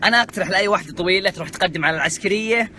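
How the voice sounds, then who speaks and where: A young man with a Saudi accent doing animated comic monologues to camera. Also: high voice, slight background noise. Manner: animated, rapid jokey delivery. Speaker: comedy sketch host.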